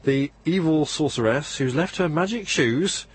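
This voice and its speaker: A man's voice: fairly high pitch, expressive, measured pace, slightly rough. A male community radio host interviewing two amateur actors in a chatty, jokey way. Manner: chatty, jokey, laughs often.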